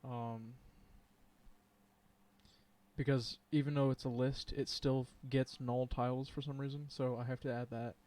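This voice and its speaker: A man's voice: medium pitch, little pitch movement, a little slow, long pauses, a little mellow. Rambling man thinking aloud while coding. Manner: chats and laughs with viewers. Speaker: streamer. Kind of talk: live coding stream commentary.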